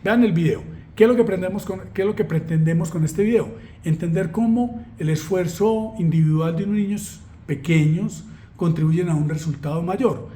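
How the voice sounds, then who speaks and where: A man's voice: high-pitched, moderate pace, warm tone. A man explaining a training unit in a conversational way, full of rhetorical questions and self-deprecating asides. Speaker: trainer presenting a course unit. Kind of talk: explanatory lesson walkthrough.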